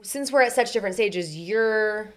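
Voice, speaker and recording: A thirty-three-year-old woman co-hosting a podcast, asking frank, lively questions in casual chat. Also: medium pitch, normal speed. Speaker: podcast co-host.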